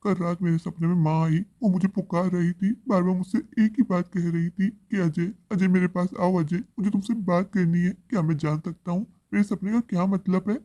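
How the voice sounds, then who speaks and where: A man's voice: high voice, fairly even intonation, moderate pace, few pauses, mellow, natural voice. A man voicing a remorseful grown son who speaks in an earnest, pleading way. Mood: troubled.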